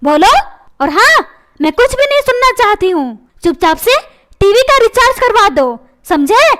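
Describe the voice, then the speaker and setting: A woman's voice: very high voice, sing-song, normal speed, fairly bright tone, full character voice. Woman voicing a nagging cartoon housewife. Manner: nagging, dramatic complaining. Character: nagging, complaining housewife and mother. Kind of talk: comic cartoon dubbing.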